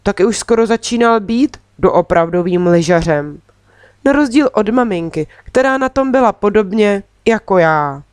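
Woman audiobook reader, expressive storytelling, close dry recording. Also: medium pitch, clean tone, no room sound. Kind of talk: storybook narration in first person.

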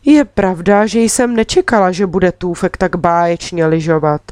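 A woman's voice: on the low side, darkish tone, no echo, natural voice. Doubtful, careful mum in a storybook, as a woman reads her. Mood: thoughtful. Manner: doubtful, thoughtful. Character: doubtful, cautious mother.

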